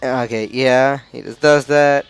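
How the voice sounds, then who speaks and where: A man's voice: mid-range voice, steady tone, a little slow, clear, resonant tone. A man with an Australian accent giving casual analysis of a fighting game match, chatty and often stumbling over the players' names.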